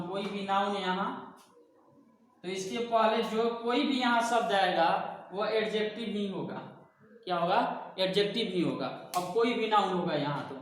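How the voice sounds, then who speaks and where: A man's voice: high voice, a bit bright. A man teaching an English grammar lesson in a classroom style, asking his own questions and answering them to drill each point home. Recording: very echoey room.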